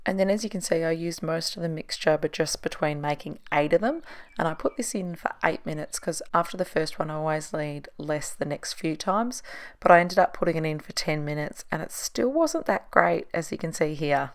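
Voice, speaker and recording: Narrating over her cooking footage, a woman in her thirties chats casually about the meal and laughs at the shortcuts she took, in a self-deprecating way. She speaks at a normal speed in a low voice with lively intonation.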